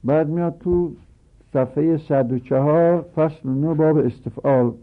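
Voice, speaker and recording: A man teaching Arabic grammar, reciting verb conjugations in long rapid lists. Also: a little high. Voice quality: gravelly, husky. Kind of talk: conjugation drill lesson. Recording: tinny phone-like lo-fi audio.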